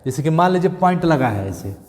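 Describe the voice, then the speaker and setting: A male maths teacher, repeating steps and checking in often with "thik hai" and "clear". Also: a little high, very animated, brisk, darkish tone, big-room sound. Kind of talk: classroom maths lesson.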